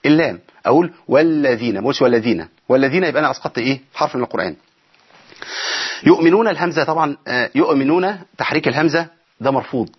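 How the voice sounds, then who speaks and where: A man with an Egyptian accent teaches recitation rules on a studio broadcast. His voice sits a little high, and he keeps asking rhetorical questions to his listeners. The sound is dull and lo-fi, with little clarity in the top end. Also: animated, very fast, long pauses, husky. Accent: Egyptian Arabic. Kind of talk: broadcast tajweed lesson.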